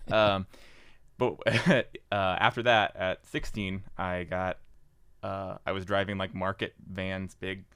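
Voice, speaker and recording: A young man, a podcast guest, chatting casually with jokes and halting fillers. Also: deep voice, flat delivery, a bit bright, clean tone, no echo. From Indiana. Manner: joking, self-deprecating, halting with fillers. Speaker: podcast guest, market board member. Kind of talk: casual interview chat.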